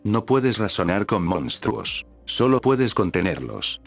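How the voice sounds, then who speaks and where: A man's voice: low voice, normal speed, faint music behind. Man reading as a scornful shadow being. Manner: scornful, resentful, swearing. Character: bitter, cynical male shadow being.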